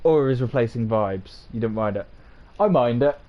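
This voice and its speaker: A man's voice: mid-range voice, expressive, normal speed, lo-fi sound. A man streaming a game and chatting with his viewers in a casual, self-mocking way, often laughing. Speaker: gaming streamer.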